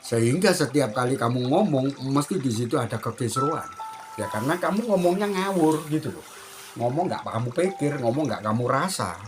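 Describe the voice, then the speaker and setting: A man's voice: mid-range voice, expressive, brisk. A middle-aged man with an East Javanese accent gives a spiritual advice talk as a teacher, repeating his points and admonishing the listener directly. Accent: East Javanese Indonesian. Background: music.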